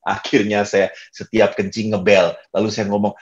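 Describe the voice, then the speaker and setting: Priest giving a sermon, tells funny stories about himself, does little voices for the people in them. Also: male voice, fairly low pitch, level tone, moderate pace, highs cut off. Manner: storytelling with humor, acts out quoted voices.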